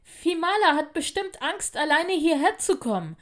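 A woman's voice: sits high, big pitch swings, normal speed, voice pushed up. A woman voicing a kind, eager young schoolboy in a storybook reading.

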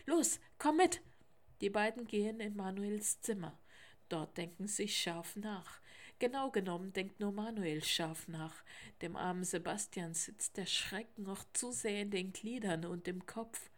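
Woman, storybook narration, expressive, lively reading. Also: mid-range voice, a little slow.

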